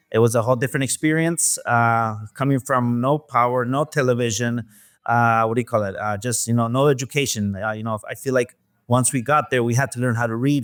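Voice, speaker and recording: A man from Mexico, a guest in an interview, talking in a soft, hesitant way with many fillers. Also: mid-range voice, no echo, studio quality. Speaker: guest, restaurant owner. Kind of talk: casual interview talk.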